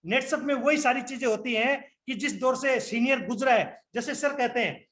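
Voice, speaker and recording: A man's voice: extremely high pitch, moderate pace, a bit bright. A man giving a motivational business training talk, earnest and instructive, speaking straight to his audience and asking rhetorical questions. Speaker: network marketing trainer.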